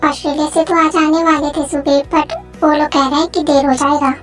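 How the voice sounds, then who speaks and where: A woman's voice: high voice, little pitch movement, brisk, faint music behind, lightly acted. Brief: fussy middle-aged mom, complaining and sarcastic, woman voicing, audio drama. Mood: fussy chatty. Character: middle-aged mother, fussy, scolding and jealous. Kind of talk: Hindi fan audio drama.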